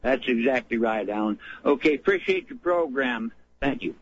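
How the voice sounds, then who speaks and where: A man's voice: medium pitch, expressive, normal speed, slightly rough. A man from Louisiana calling in to a radio show over the phone, chatting in a folksy, wry, sarcastic way. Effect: heard over the phone. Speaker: radio call-in caller. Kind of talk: casual call-in chat. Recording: muffled phone line with faint noise.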